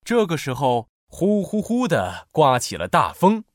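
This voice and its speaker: A man narrating a children's story in an expressive, animated way. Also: a little high, unhurried, no echo, clean studio sound.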